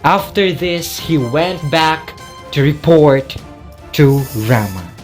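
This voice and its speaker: A narrator telling an epic tale in slow, measured scripted narration. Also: mid-range voice, animated, soft background music.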